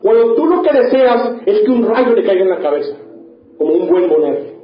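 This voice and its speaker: Male pastor, very high voice, preaching to his congregation with a string of rhetorical questions; echoey, dull lo-fi hall sound. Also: normal speed, slight background noise. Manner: rhetorical questions, rising to mock indignation. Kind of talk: sermon.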